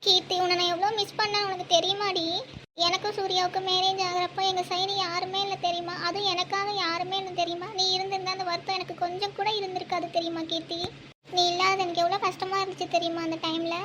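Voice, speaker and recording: Teasing, chatty young cartoon wife who is expecting a baby. Her voice sits extremely high and thin. A steady hiss of background noise runs under the recording. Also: fast talker. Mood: tearful. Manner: chatty, teasing, turns emotional. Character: young woman Preethi, pregnant newlywed, teasing and affectionate. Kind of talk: cartoon voice acting.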